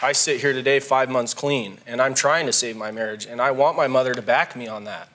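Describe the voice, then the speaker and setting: Young guy, earnest and a bit halting, guest on a talk show. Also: medium pitch, steady tone, a loud crowd, heavy background noise. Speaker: guest, husband.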